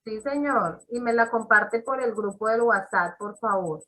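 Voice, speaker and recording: Woman teacher, slow and patient, high voice, video call. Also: sharp tone, rough recording. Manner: patient, explains step by step and checks in with students. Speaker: English teacher. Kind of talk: online class instruction.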